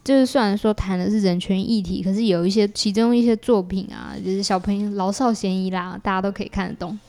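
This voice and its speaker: Fast and fairly even, her mid-range voice has a dark tone as she chats on a relaxed podcast as the creator of an exhibition project. She speaks with a Taiwanese Mandarin accent, explaining things and often repeating that she agrees.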